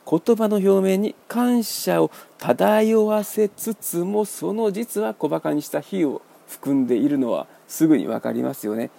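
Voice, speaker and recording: Man, radio host, book review talk, explanatory, wry, raised pitch. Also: gravelly, warm tone.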